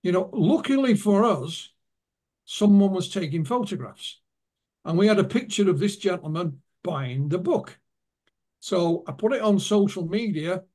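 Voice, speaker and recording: A man's voice: high-pitched, animated, a little slow, darkish tone. A man being interviewed as an author, telling anecdotes and retelling what witnesses told him. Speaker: author and guest. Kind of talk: interview storytelling.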